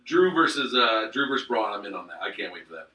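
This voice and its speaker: A man with a bright, edgy voice that swings up and down as he runs a casual wrestling podcast. He sits off mic in an echoey room and keeps nudging the chat toward the next topic. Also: on the low side, fast, a little hiss or hum. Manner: animated, steers the topics. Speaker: podcast host. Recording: roomy sound from a distant mic.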